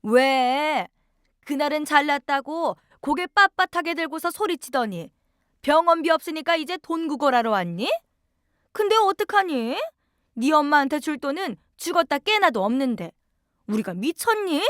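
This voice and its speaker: A woman's voice: high-pitched, sing-song, normal speed, fairly bright tone, no room sound, studio quality, pitched above the performer's own voice. A woman voicing a scornful, nagging middle-aged mother-in-law who sneers and scolds. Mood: mocking.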